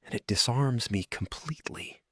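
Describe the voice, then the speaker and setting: A man voicing a centuries-old, proud, brooding vampire lord confessing love in a whispered role-play, husky and breathy, with halting, intense delivery and dramatic pauses. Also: medium pitch, sharp tone, no room sound, clean studio sound. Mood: vulnerable, intimate.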